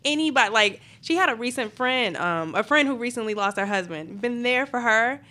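A young adult woman co-hosting a podcast, talking in a soft, reflective and emotional way. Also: fairly high pitch, lively intonation, fairly quick. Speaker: podcast co-host. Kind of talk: casual chat.

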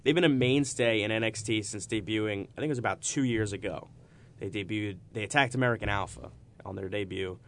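A man's voice: lowish voice, fairly quick, fairly bright tone, slight background noise. A man hosting a podcast with casual, enthusiastic and emphatic sports talk. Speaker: podcast host.

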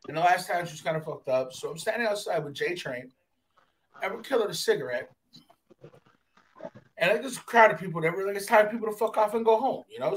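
A man's voice: high-pitched, slight background noise. A man hosting a casual podcast, telling a profane story with lots of slang and mock voices. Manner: animated, profane, slips into mock voices and accents. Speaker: podcast host.

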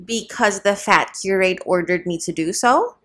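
A woman's voice: medium pitch, moderate pace, fairly bright tone, lightly acted. A woman reading a novel aloud and voicing a lazy, sly male gravedigger who talks in an offhand, half-jesting way.

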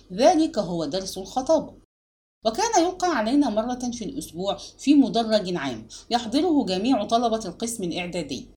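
A woman narrating a literary story aloud in a measured, expressive reading style. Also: medium pitch.

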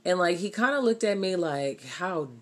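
Female co-host, lowish voice, animated and emphatic, casual. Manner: animated, quick to laugh, emphatic. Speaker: married co-host. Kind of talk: casual chat.

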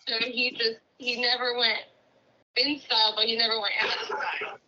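Woman in her 30s heard over a speakerphone. Her voice is high and sharp, and the line sounds muffled. Her delivery is dry and teasing. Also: level tone, normal speed, a little hiss or hum. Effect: heard over a speakerphone call. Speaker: sister calling into the podcast.

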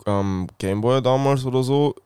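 A man's voice: medium pitch, moderate pace, dark tone, smooth, dry recording, clean studio sound. Blunt slangy young man. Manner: slangy, blunt, self-mocking. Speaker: podcast co-host. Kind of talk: casual chat.

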